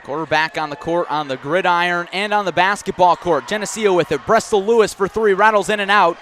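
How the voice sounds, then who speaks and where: Over light game noise from a gym, including faint bouncing balls, a male radio announcer provides a live basketball call. His voice is fairly high and fairly bright, and his clipped running commentary lifts during big plays.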